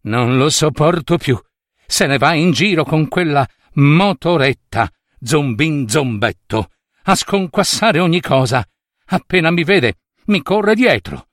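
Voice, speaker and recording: A man's voice: fairly high pitch, lively intonation, slow pace, no room sound, studio quality. A man voicing a touchy, sad old skeleton made of bird bones, whiny and complaining in a storybook. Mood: aggrieved.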